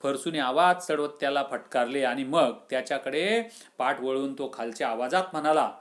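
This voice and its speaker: A man's voice: mid-range voice, moderate pace, a bit bright. A man teaching a school literature lesson, reading lines aloud and then explaining them with questions to the class.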